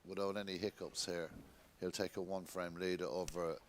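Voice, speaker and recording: Deep, hushed male snooker commentator, noisy background. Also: little pitch movement, normal speed. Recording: noisy commentary recording with clicks.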